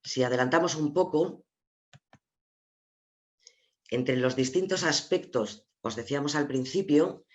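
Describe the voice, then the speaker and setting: A man's voice: fairly high pitch, measured pace, pauses often, highs cut off. A man with an Asturian Spanish accent presenting a report in an online seminar, explaining figures step by step and talking directly to the viewers. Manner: explanatory, addresses viewers directly, sharing slides. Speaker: webinar presenter.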